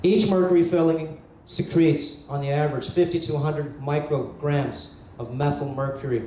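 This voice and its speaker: A man giving a live lecture to an audience, animated and rhetorical, often asking the crowd questions. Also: a little high, moderate pace. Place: event hall. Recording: echoey hall from a distant mic, faint hiss.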